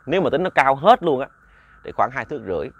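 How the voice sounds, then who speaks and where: A man's voice: medium pitch, very animated, fast, no room sound, dull audio. A man narrating a ghost story in a chatty, casual way, often repeating words and talking to listeners like family.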